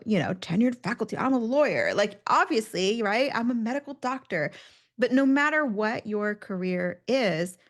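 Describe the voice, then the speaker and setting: A woman career coach co-hosting a podcast, chatting casually and speaking straight to the listeners. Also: medium pitch. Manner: warm affirming, talks to listeners directly. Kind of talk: casual conversation.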